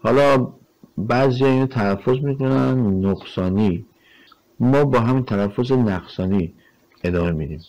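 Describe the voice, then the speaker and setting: A man's voice: medium pitch, a little mellow, low-quality recording. A man teaching a recorded math lecture, explaining step by step in a conversational way and asking himself rhetorical questions as he works. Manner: conversational, asks rhetorical questions, frequent fillers; explains step by step while drawing on a board.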